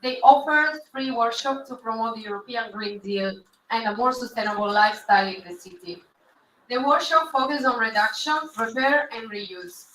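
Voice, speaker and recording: A woman's voice: fairly high pitch, normal speed, bright, forceful tone. A woman with as her language hosting a live-streamed awards ceremony, speaking hesitantly with repeated words. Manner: hesitant, repeats words, non-native phrasing. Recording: echoey hall from far off.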